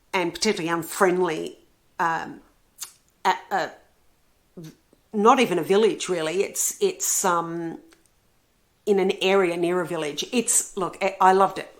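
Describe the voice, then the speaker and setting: A woman from Australia hosting a book channel, talking enthusiastically about books she has read and bought, rambling with frequent ums and self-corrections. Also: medium pitch. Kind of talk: casual book review chat.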